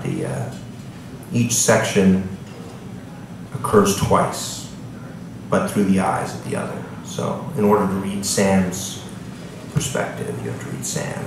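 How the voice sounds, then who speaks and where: In a bookstore, an author reads his work aloud to a live audience and makes offhand remarks between passages. His voice is low with some vocal fry. The sound is distant and echoey, with noise behind him.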